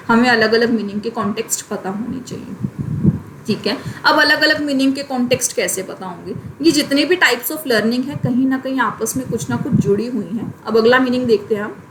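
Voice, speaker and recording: A young woman teaching a class, explaining in Hindi, reading English passages slowly and checking in often with "theek hai". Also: fairly high pitch, slight background noise, low-quality recording. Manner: frequent "ठीक है" check-ins. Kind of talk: online class lecture.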